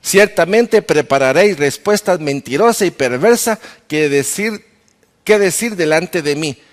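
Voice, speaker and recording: A man's voice: a little high, animated, a little slow. A man playing an angry, impatient ancient king who scolds and threatens his advisers, in a sermon. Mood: stern. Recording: reverberant church hall.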